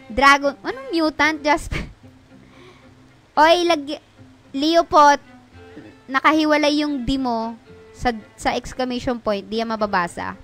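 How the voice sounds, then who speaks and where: A young woman streaming a mobile game in casual commentary, loud, with sudden shrieks and swearing. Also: high voice, slow, pauses often, soft background music.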